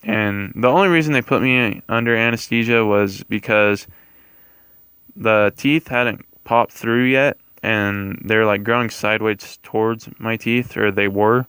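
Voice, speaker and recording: A man's voice: lowish voice, measured pace, a bit bright, clear, resonant tone, no echo. A young man telling a personal story casually, in a rambling, hesitant way, often correcting himself. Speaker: vlogger.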